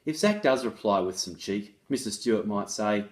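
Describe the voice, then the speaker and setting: This speaker, an author and presenter on restorative practices in schools, has a voice on the low side and sounds animated at a moderate pace. He reads a case study aloud, then walks through it conversationally, like a teacher.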